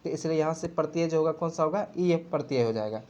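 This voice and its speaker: A man's voice: on the high side, quick pace, darkish tone, lo-fi sound. A man teaching an exam-prep grammar lesson, asking a question and answering it himself. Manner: repetitive question-and-answer drilling.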